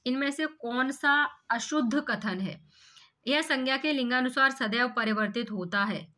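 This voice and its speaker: A woman's voice: sits high, unhurried, pushed and bright. A woman teacher going through an exam paper question by question, explaining each answer step by step and asking rhetorical questions. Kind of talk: exam paper walkthrough lesson.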